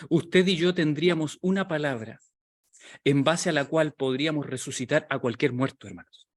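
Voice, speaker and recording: Guy preaching to a small group, pretty high voice, lots of questions thrown at the room, acts out the quotes. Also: normal speed.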